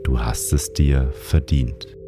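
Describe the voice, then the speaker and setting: Very deep, slow male sleep meditation narrator. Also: gravelly, music in the background. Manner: soothing, calm, sleep-story narrator delivery. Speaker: meditation guide and show host.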